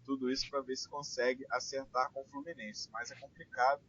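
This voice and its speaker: A man hosting a casual football chat, reading listener messages in a relaxed, conversational way with frequent tag questions. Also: medium pitch, a little fast. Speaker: podcast host. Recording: dull lo-fi sound with faint hiss.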